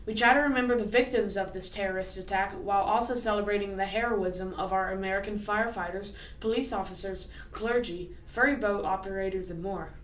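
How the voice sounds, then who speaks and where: A woman's voice: medium pitch, steady tone, a little fast, hardly any pauses, fairly bright tone. Woman reading earnest school announcements over the intercom, echoey and distant. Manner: earnest, occasional stumbles while reading. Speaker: school morning announcements co-host. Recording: echoey and distant with faint noise.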